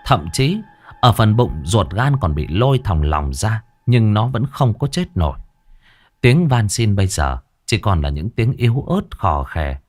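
A man narrating a horror story in a dramatic, expressive audiobook style. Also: lowish voice, measured pace.

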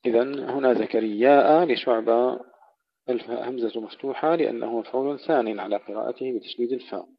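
A man teaching Quran recitation rules, explaining variant readings and slowing down to recite example verses. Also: mid-range voice, vocal fry. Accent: Arabic. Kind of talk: tajweed lesson with recited verses. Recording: dull, dry lo-fi audio.

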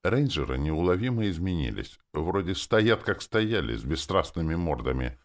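A man's voice: deep voice, sing-song, normal speed. A man narrating a fantasy audiobook in first person with a wry, crude inner voice.

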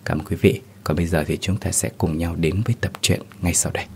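A man hosting and narrating a scripted horror story in a steady, measured way. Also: low voice, vocal fry. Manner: steady, measured storytelling with hesitant asides in the intro. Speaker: host and narrator.

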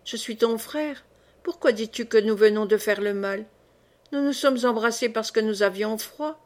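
Voix: une lectrice faisant un jeune homme amoureux, tendre et inquiet, à voix basse et plutôt aiguë, dans un livre audio. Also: female voice, normal speed, lightly acted. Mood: tender. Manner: soft, murmured. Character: tender anxious young man in love. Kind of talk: audiobook character voice.

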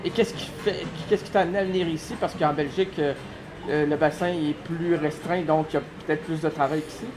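A man's voice: fairly high pitch, fairly even intonation, fairly quick, noisy background. A man hosting a casual radio interview, chatty and curious, prompting his guest with questions. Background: music.

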